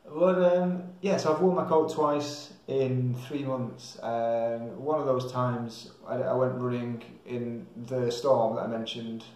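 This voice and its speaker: Slow-paced with few pauses, a young man from England speaks in a fairly even, slightly mellow, mid-range voice. As a travel vlogger, he rambles casually to camera, hesitant and thinking aloud. The small hard-walled tiled room gives strong echo.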